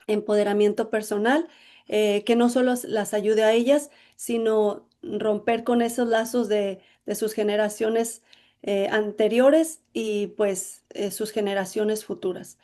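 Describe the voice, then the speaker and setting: A woman's voice: medium pitch, mellow. A middle-aged woman from Jalisco with a Mexican accent, a coach telling her life story in an interview with many "bueno, pues" fillers. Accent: Mexican Spanish. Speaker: interview guest, emotional intelligence coach.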